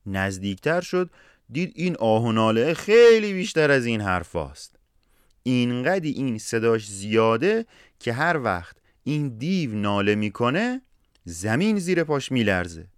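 A man's voice: mid-range voice, smooth, dry recording, studio quality. A man narrating a folk tale in a casual, colloquial podcast style, with asides to the listener. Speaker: storyteller and podcast host. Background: faint music.

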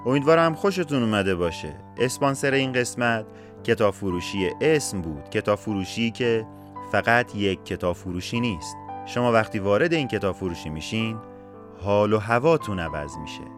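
Lively male folk-tale storyteller. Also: on the low side. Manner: colloquial, lively, with asides to listeners. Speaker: storyteller and podcast host. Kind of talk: casual spoken folk-tale narration. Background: faint music.

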